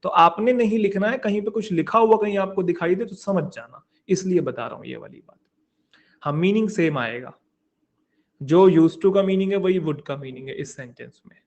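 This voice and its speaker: Man, Indian English accent, slightly high voice, online grammar lecture, repeats key words as questions. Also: moderate pace. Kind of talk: online exam-prep lecture.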